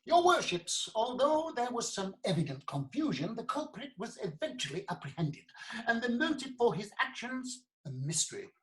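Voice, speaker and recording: Formal prosecutor, played by an actor, really lively up-and-down delivery. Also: mid-range voice, normal speed, rough recording. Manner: formal, prompting questions.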